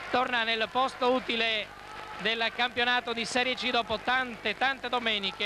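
A man from Italy giving excited, emotional football goal commentary, dramatic and repeating himself. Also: extremely high pitch. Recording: loud stadium crowd noise, 1990s TV broadcast. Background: football stadium crowd.

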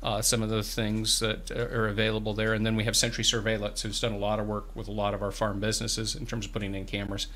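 Here the farm bureau guest, a man in his fifties in a small radio studio, speaks fast with few pauses in a completely flat, low-leaning voice that sounds bright and forceful. He explains programs earnestly but frequently restarts his words. He's on a boom-arm studio microphone with headphones.

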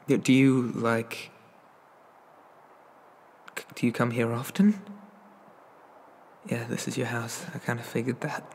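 In an ASMR roleplay, a man plays a shy, awkward young incubus demon who's inexperienced, stammering and apologetic while nervously bluffing. His husky, breathy voice is medium-pitched and a little mellow, trailed by a long reverb tail.

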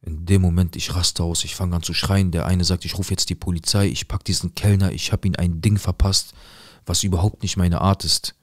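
A man narrating a dramatic first-person story, mostly low and hushed, with agitated quoted outbursts. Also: little pitch movement, fairly quick, no room sound, studio quality. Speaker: storyteller recounting a viewer's story.

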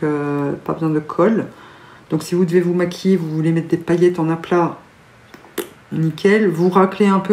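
A woman's voice: mid-range voice, a little mellow. A woman with a French accent chatting casually as a beauty vlogger, gushing and laughing often. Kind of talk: casual chat. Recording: echoey room, faint noise.

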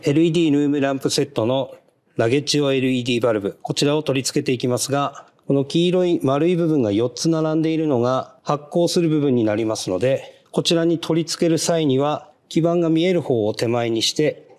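A man giving a polite, measured, step-by-step how-to narration on fitting car parts, marking each step with a short "hai". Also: fairly high pitch, darkish tone. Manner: polite, measured, repeats "hai" between steps. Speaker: product installation instructor.

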